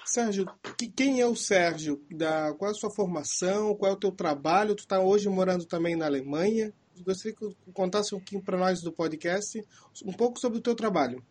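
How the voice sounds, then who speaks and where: A man's voice: sits high, normal speed, a little mellow. A man moderating a podcast, opening it with a formal, scripted introduction and calling on the guests. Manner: formal, announcing.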